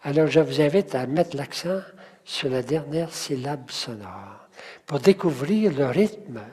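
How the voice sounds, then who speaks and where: A man's voice: on the high side, lively intonation, measured pace, dark tone, slightly rough, in a large hall. A man teaching a poetry class, patiently explaining and counting syllables aloud while asking the group questions.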